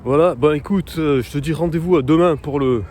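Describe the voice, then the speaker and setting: A man talking casually to the camera while walking outdoors in a park, hesitant and full of fillers, slowly sounding out foreign words. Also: fairly high pitch, a little mellow, slight background noise. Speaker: vlogger learning Polish. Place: outdoor park in cold weather.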